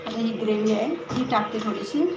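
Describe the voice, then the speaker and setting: Woman vlogging at home, kinda high voice, coaxing and scolding her pets, echoey room, loud noise behind. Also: flat delivery, fast. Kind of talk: casual home vlog.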